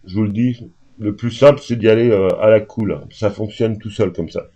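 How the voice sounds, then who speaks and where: A man's voice: lowish voice, steady tone, normal speed, mellow, slightly rough. A man talking casually and unscripted to camera, rambling and hesitant with lots of fillers, only just awake. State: just woken up. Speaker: vlogger. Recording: dull lo-fi home recording.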